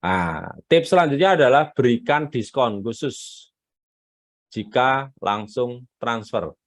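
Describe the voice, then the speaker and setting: A man giving a live business coaching talk on selling, emphatic and animated, repeating his key points. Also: mid-range voice, slow pace, no room sound.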